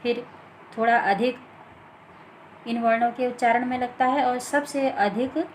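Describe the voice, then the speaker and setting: A woman teaching a grammar lesson, explaining slowly and deliberately from written notes with many pauses. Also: fairly high pitch, a little hiss or hum, poor audio.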